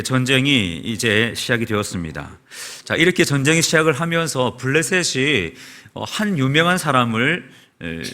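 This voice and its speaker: A male pastor preaching a sermon in a church, telling the story in an animated way. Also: mid-range voice. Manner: animated storytelling, acts out quoted shouts. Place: church sanctuary.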